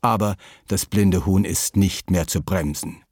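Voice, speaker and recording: A male storyteller reading a children's tale in a calm, measured way. His voice sits very low and a little husky, recorded close and dry. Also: dry recording.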